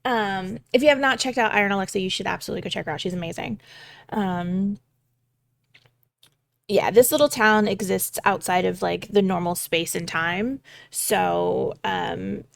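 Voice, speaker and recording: A young woman with a gravelly, medium-pitched voice thinks aloud at a normal speed as she gets a tabletop game ready. As a game master prepping a campaign, she rambles casually, full of fillers and offhand swearing.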